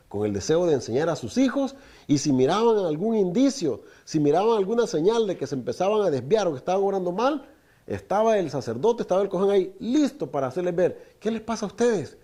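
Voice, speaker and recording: Posing rhetorical questions to listeners, a middle-aged man whose first language is Spanish preaches on a Torah portion in a high-sitting, mellow voice.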